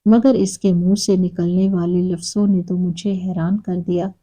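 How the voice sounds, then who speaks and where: A woman reads a first-person moral story aloud in a calm, steady way. Her voice is very dark and mellow, and sits a little low for a woman.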